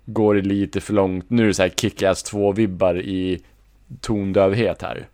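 A man co-hosts a film podcast, talking in a relaxed, musing way. His voice sits somewhat low for a man. The chat is easygoing and unhurried. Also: no room sound, clean studio sound. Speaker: podcast co-host. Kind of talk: casual film discussion.

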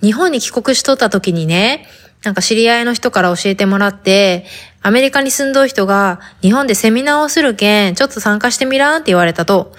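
Chatty woman with a Hakata dialect. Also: mid-range voice. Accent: Hakata dialect Japanese. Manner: chatty, talking straight to the listener. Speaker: podcast host. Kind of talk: casual podcast monologue.

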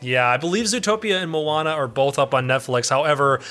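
A man's voice: a little high, a little fast, bright, forceful tone, soft background music. A man hosting a podcast in casual, playful banter, joking with his co-host and listeners.

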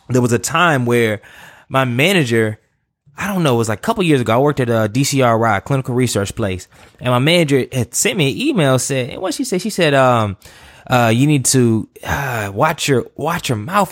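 A man's voice: mid-range voice, dry recording. A man hosting a podcast, talking loosely with restarts and asides. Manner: rambling, many restarts and asides. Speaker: podcast host. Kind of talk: casual interview talk.

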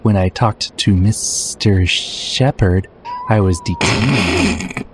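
A performer voicing a sinister, calmly menacing suited man with a snake-like voice, slow and drawn out, in a comic story reading. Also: low-pitched, a little hiss or hum, exaggerated voice. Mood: calm menace.

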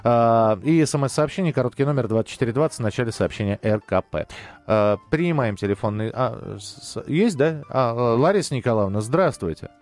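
A man's voice: medium pitch, expressive, brisk, darkish tone. A man co-hosting a live radio talk show, chatting and joking with his partner. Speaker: radio co-host.

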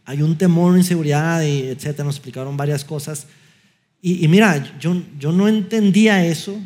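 A middle-aged man with a Mexican accent, preaching a sermon as an animated storyteller who acts out dialogue with light self-mocking humor. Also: a little high, brisk.

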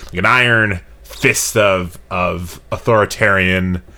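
Deep-voiced man rambling casually. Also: slow pace, pushed and bright. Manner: rambling, self-deprecating, trails off mid-thought. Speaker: podcast co-host. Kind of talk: casual chat.

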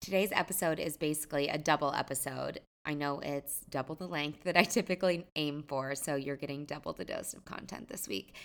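A woman's voice: low-pitched, fairly quick, hardly any pauses, fairly bright tone. A woman hosting a podcast in a friendly, chatty way, speaking casually to her listeners. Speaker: podcast host. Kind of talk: casual podcast introduction and chat.

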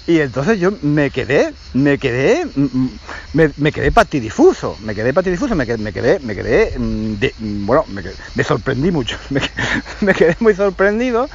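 A man's voice: medium pitch, very animated, measured pace. A man in his forties from Spain, with a Spanish accent from Spain, telling a story casually to language learners as a teacher. He talks hesitantly, with frequent restarts and check-in questions. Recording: slightly muffled lo-fi audio with faint noise.

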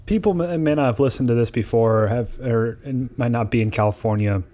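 A man's voice: medium pitch, fairly quick, dark tone. A man recording from aboard an airplane, co-hosting a podcast with loose, rambling, conversational explanations. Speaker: podcast co-host. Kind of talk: casual explanatory podcast talk.

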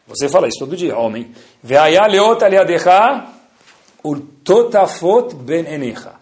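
A man preaches a Torah lesson in a fairly high voice. He keeps asking his listeners questions and answering them himself, building each point with lively rhetorical drive. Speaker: rabbi teaching. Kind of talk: sermon-style Torah lesson.

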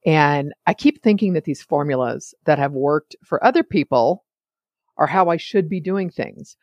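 A woman's voice: low voice, expressive, normal speed, a little mellow, no echo. A woman hosting a solo podcast, talking casually in a chatty, digressive way and often sidetracking herself. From California. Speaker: podcast host.

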